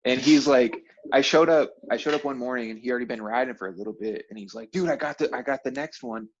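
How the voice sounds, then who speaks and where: Over a dull, lo-fi call with slight background noise, a man with a medium-pitched voice talks fast in a casual chat. He tells anecdotes animatedly, using slangy, profane language and laughing easily along the way.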